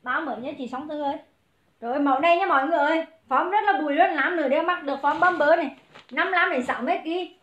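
High-voiced woman hawking clothes on a livestream. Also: a bit bright, echoey room, dull audio. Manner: brisk, calling out prices to viewers. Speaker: online clothing seller. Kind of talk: livestream sales pitch.

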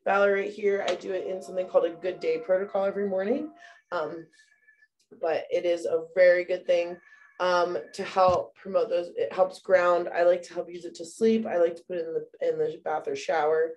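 A mother, young or middle-aged, presents essential oils from her bathroom in a chatty, filler-heavy way, calling her viewers "you guys." Her fairly low voice has a darkish tone and flat delivery at a moderate pace. The audio quality is poor.

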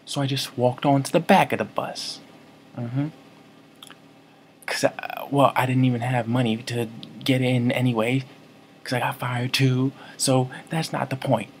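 A man's voice: medium pitch, level tone, a little slow, a little hiss or hum. A man telling a story to camera in a comic vlog, rambling, mock-serious and constantly correcting himself. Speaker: comedy vlogger.

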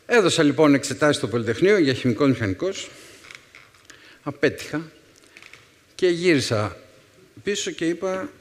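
A man in his fifties, a teacher, telling wry personal stories with thoughtful pauses to a young audience. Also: a little high, big pitch swings. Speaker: secondary school philology teacher and speaker. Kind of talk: storytelling talk to a young audience. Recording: reverberant hall.

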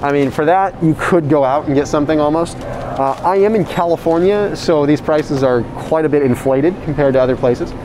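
A man speaking through a face mask in a grocery store aisle, reviewing frozen food in a chatty way and reading the labels out loud. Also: fairly high pitch, normal speed, noisy background. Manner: chatty, reads labels aloud. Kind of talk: casual product review.

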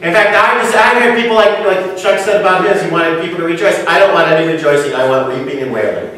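A man's voice: fairly high pitch, fast talker, a bit bright. A man preaching a sermon as pastor, talking conversationally with joking asides and rhetorical questions. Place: church sanctuary. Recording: echoey church hall, mic at a distance.

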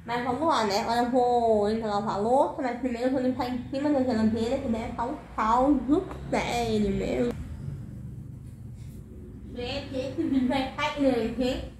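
A woman's voice: fairly high pitch, moderate pace, a little mellow, slight background noise. Chatty Brazilian woman cleaning her kitchen. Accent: Brazilian Portuguese. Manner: chatty, addresses viewers often, tired. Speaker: home cleaning vlogger. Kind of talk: casual chat while cleaning. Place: home kitchen, indoors. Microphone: camera across the room. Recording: echoey kitchen, camera far off.

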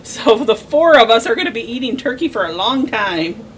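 Matter-of-fact mom at home. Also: female voice, on the high side, lively intonation, normal speed, a little hiss or hum. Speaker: homeschooling mother. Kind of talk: casual home vlog.

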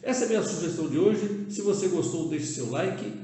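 A man's voice: high voice, lively intonation, fairly quick, dark tone. An older Brazilian man seated at a table speaks casually to the camera, proposing a local project with many "né?" tags and hesitant restarts. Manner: conversational, with frequent "né?" tags and hesitations. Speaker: vlogger proposing a civic project. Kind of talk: casual direct-to-camera talk. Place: indoor room, seated at a table. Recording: echoey room.

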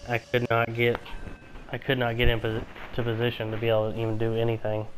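A man with a medium-pitched voice talks casually during a video game. He sounds unscripted, like someone chatting with teammates. Faint noise sits behind his voice. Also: completely flat delivery, quick pace, poor audio. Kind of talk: casual chat while gaming.

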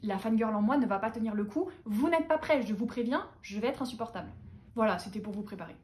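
A woman's voice: on the high side, animated, fast, darkish tone. A young woman from France hosting a casual book haul chat, gushing with fan enthusiasm. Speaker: booktuber host.

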